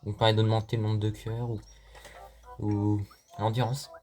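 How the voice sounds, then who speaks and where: A man's voice: fairly low pitch, level tone, moderate pace, a little mellow. A man giving casual, joking gameplay commentary as a let's play host, talking to the game and viewers, with faint game music behind.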